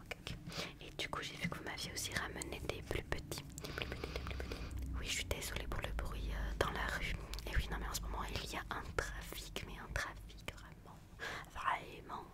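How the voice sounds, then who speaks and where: A woman doing a whispered role-play as a gentle, quirky book therapist, in a hushed library whisper, softly repeating phrases to soothe. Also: a little fast. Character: quirky, gentle female book physiotherapist attending a patient. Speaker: ASMR performer playing a book therapist.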